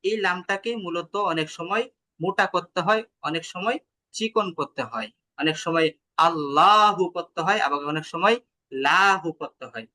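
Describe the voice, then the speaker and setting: Male Quran teacher, Bangladeshi Bengali accent, bright, slightly high voice; patient explanations, slow chanted examples, over a video call. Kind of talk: online tajweed lesson.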